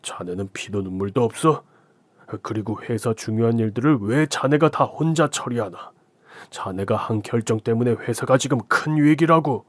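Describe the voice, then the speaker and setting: A man's voice: medium pitch, lively intonation, normal speed, no echo, close to an everyday voice. A man voicing a stern older family friend, a company director who lectures in an old-fashioned way. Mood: stern, rebuking.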